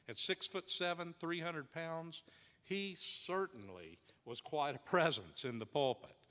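Man preaching in a reverberant sanctuary. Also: mid-range voice. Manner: dramatic, varied pacing with hushed drops. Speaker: pastor. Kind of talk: sermon storytelling. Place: church sanctuary.

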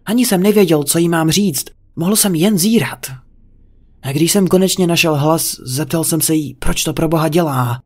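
A man narrating a horror story in the first person, reading it as a tense tale. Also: fairly high pitch. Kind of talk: creepypasta narration.

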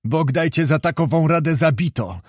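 A man's voice: fairly high pitch, lively intonation, normal speed, no room sound, studio quality, voice pushed up. Man doing a frantic, bitter nobleman. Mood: alarmed bitter. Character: anxious bitter nobleman, alarmed, reproachful.

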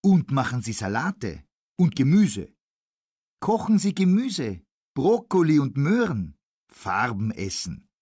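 A man acting a cheerful, fit man giving health tips in a scripted language-lesson dialogue, phrasing slowly and clearly. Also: mid-range voice, very animated, darkish tone, no room sound, clean studio sound, full character voice. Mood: upbeat. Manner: slow, clearly spaced phrasing.

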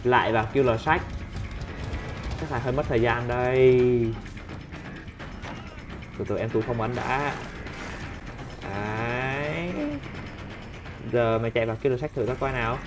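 A man commentating his own gameplay, excitable and talking back at the other players. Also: mid-range voice, a little slow, pauses often. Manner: excitable, talks and swears at on-screen opponents. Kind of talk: let's play commentary. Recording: game music playing under the voice. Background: game music and sound effects.

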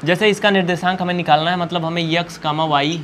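A man's voice: on the high side, steady tone, quick pace, fairly bright tone, slight background noise. A male math teacher from India explaining coordinates at a whiteboard in a colloquial, coaxing way, asking questions and answering them himself.

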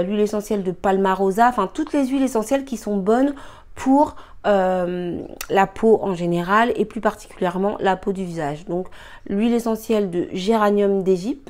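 A woman's voice: mid-range voice, warm tone. A young woman at her home kitchen, talking casually through a recipe, hesitant and full of fillers, apologizing often and a little tired. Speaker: cooking and beauty vlogger.

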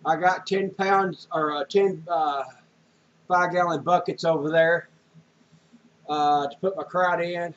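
Recorded on a webcam or handheld camera in a small home room, this dull lo-fi clip has an older man chatting folksily about groceries and canning, dropping plenty of fillers. His voice sits on the high side, a bit bright, steady and unhurried.

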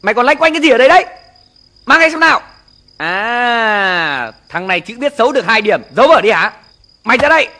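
An actor playing a hot-tempered gambling village father who scolds and shouts at his son, in an old film. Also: high voice, expressive, moderate pace. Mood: furious.

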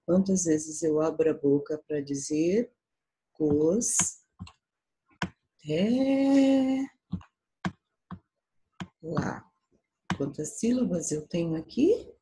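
A Brazilian woman teaching a primary school class, patiently sounding out syllables slowly for young children. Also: deep voice, dark tone, slight background noise, low-quality recording. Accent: Brazilian Portuguese. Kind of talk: slow, patient remote class lesson.

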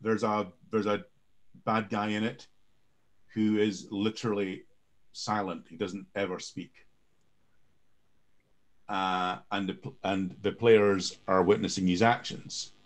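A man on an online panel talking casually, halting and repeating words as he restarts. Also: fairly low pitch, little pitch movement. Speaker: panel speaker on game mastering.

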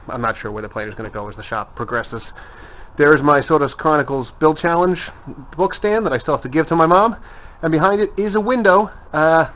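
A man giving a casual walking tour of his cluttered home woodshop, pointing things out as he goes. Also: a little high. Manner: chatty, points things out as he walks. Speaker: woodworker giving a shop tour. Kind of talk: casual handheld walkthrough. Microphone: handheld camera mic. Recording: dull lo-fi camcorder audio.

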